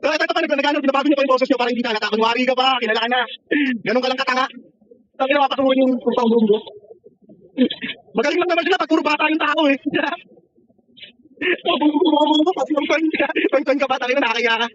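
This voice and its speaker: A man with a very high, fast voice taunts rival players over game voice chat, laughing and cursing between his jabs. The mocking never lets up. The sound is a little muffled, with faint noise underneath. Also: a bit bright. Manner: mocking and taunting, laughing often, swearing freely. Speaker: online gamer. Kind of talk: trash-talking game voice chat.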